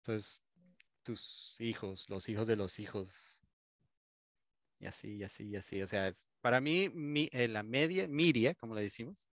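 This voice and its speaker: Colombian man, low voice, videographer guest, chatty storyteller, dry muffled sound. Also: measured pace, no room sound. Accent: Colombian Spanish. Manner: warm storytelling, many restarts. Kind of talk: casual interview chat.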